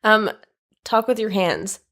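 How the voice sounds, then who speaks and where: A woman's voice: medium pitch, animated, slow pace, a bit bright. A woman co-hosting a comedy podcast, reading an article aloud and joking in a wry, self-deprecating way. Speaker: podcast co-host.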